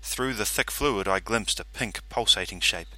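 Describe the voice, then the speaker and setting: A man narrating a short story in a steady, measured audiobook reading. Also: fairly low pitch, no room sound. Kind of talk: scripted narration.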